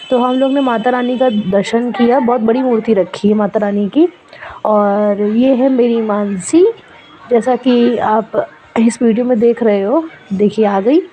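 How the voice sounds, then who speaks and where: A woman's voice: on the high side, mellow, slight background noise. A young woman narrating her vlog in a chatty, affectionate voice-over with plenty of fillers. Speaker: vlogger.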